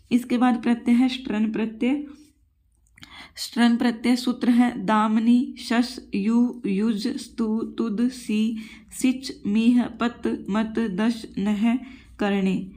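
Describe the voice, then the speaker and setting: A woman's voice: mid-range voice, a little mellow. A woman teacher giving a Sanskrit grammar lesson for exam preparation. She repeats each rule, asks the class questions and calls her students children.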